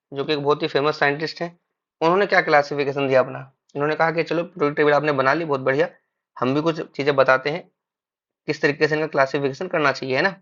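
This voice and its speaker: A man's voice: fairly high pitch, a bit bright, muffled recording. A man teaching chemistry in a classroom-style lecture. He calls his students "beta", poses questions and answers them himself, and mixes English terms into Hindi.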